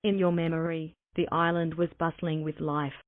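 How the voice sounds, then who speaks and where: A synthetic female voice narrating a text adventure story in an even, mechanical way. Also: mid-range voice, moderate pace, no echo. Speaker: narrator of the game's generated story. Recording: thin, phone-like dry synthetic audio.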